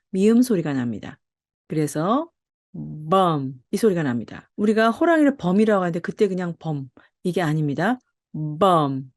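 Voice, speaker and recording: A woman's voice: fairly low pitch, a little mellow, no echo, clean studio sound. Patient woman teaching English pronunciation. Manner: friendly, patient, exaggerates sounds to model pronunciation. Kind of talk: phonics lesson, slow demonstrations.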